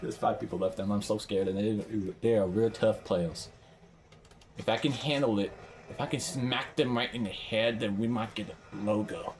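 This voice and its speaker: A young man giving excitable live commentary while playing a game, swinging from hushed mumbling to yelling. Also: lowish voice, normal speed. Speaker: gamer.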